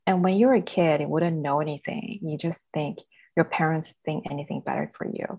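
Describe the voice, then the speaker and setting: Chatty woman from southern China, low voice. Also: brisk. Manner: chatty, laughs often, relaxed. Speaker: guest, self-love coach. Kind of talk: casual interview chat.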